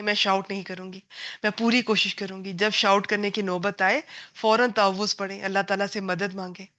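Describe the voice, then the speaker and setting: A woman teaching a Quran lesson to women, gentle and earnest as she gives advice. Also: medium pitch.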